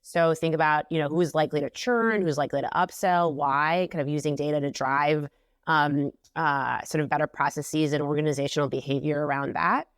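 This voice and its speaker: Speaking fairly quickly in a low voice with fairly even intonation, a woman in her thirties from Israel fields interview questions as a guest who runs a company. She's chatty, often saying um and restarting. She's using an earphone mic on a video call from her home office, and the recording is dry and studio quality.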